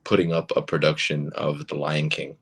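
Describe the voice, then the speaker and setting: A man from Argentina whose first language is Spanish speaks in a very deep voice with a fairly flat melody. He tells stories in a relaxed, casual way, often pausing on fillers. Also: vocal fry, husky. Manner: relaxed, storytelling, many fillers. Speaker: actor, interview guest. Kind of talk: casual interview.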